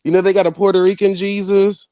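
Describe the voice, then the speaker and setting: A man joining a casual live panel chat with quick, dismissive interjections. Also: sits high, flat delivery, darkish tone. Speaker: panel participant.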